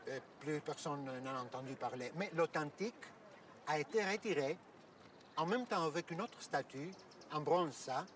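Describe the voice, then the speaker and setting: An actor playing a courteous, explanatory Orthodox priest who guides visitors outdoors, hesitating now and then with fillers. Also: male voice, a little high, a bit bright, recorded from a distance, a little hiss or hum, lightly acted. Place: outdoors at an ancient site.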